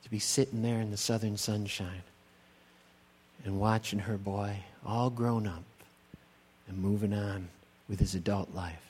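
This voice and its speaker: A middle-aged man, a pastor, preaching a sermon in a church, slow and emphatic, building on repeated rhetorical questions. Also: on the low side, steady tone, darkish tone, a little hiss or hum. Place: church sanctuary. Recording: long church-hall reverb.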